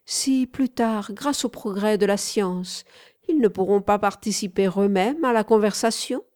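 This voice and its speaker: A woman's voice: medium pitch, a little slow, darkish tone, natural voice. A woman voicing a prim, well-bred young Parisian lady in an audiobook reading, her tone proper and easily offended. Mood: wistful. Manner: prim, indignant.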